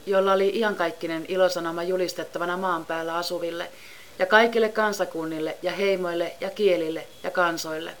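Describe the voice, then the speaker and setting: A woman giving a measured, solemn scripted Bible reading. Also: lowish voice. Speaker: scripture reader.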